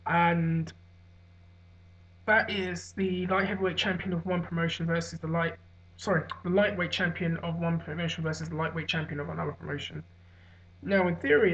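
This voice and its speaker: An online MMA commentator, hungover, rambles through unscripted opinions on fights and corrects themselves along the way. The voice is mid-range with a fairly bright tone, and the audio is dull and lo-fi.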